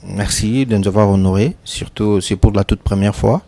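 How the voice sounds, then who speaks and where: A Congolese TV journalist with a French accent, interviewing a guest in a studio. His voice is fairly low, with dry, close sound and no room echo. He leads the talk with energy, pushing his questions forward. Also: normal speed, dark tone. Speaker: TV journalist, host. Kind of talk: TV interview, mixing French and Lingala.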